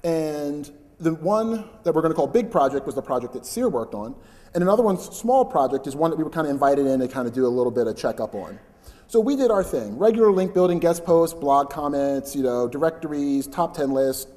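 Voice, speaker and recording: Loud chatty man speaking in a hall. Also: fairly high pitch, animated, a little fast. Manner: loud, chatty, invites interruptions. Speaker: conference speaker. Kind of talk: live conference presentation. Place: large conference hall. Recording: long hall reverb.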